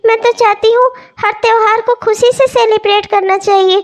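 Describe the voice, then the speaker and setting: A young cartoon housewife who loves festival shopping, voiced by a woman. Her voice sits extremely high and thin, eager when she chatters and pleading when she sobs. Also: steady tone, normal speed. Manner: sobbing, pleading. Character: young cheerful newlywed housewife, festival-loving. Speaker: cartoon voice actor. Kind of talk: cartoon voice acting.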